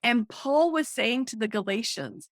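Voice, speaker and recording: A middle-aged woman, a guest author and counselor, explaining with excited emphasis in a podcast interview. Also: a little high, a little slow, dry recording, clean studio sound.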